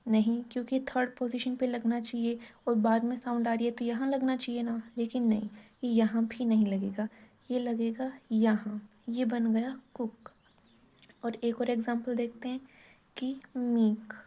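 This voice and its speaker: A woman's voice: a little high, little pitch movement, moderate pace, mellow. A woman teaching shorthand in a casual step-by-step lesson, asking and answering her own questions as she writes.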